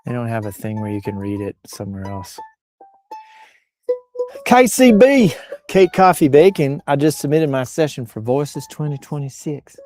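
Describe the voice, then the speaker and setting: Soft music plays behind a slightly mellow man whose mid-range voice swings widely in pitch at a normal speed. As host, he riffs playfully on social media posts, improvising comedy and rambling into tangents.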